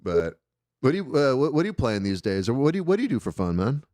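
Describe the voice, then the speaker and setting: A man's voice: medium pitch, big pitch swings, fast, darkish tone, dry recording, clean studio sound. Eager rambling man hosting. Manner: eager, rambling, many fillers. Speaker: host. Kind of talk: casual call-in interview.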